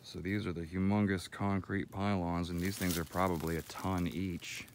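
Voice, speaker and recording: A man's voice: low-pitched, flat delivery, moderate pace, background noise. A man hosting a hiking vlog, talking in a folksy way to his viewers as friends and walking an overgrown trail, a little out of breath. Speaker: outdoor vlogger host. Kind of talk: casual vlog while hiking.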